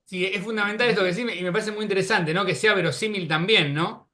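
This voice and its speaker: A man hosting an interview, supportive and quick with short agreements. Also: sits high, pushed and bright. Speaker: interviewer host. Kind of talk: interview conversation.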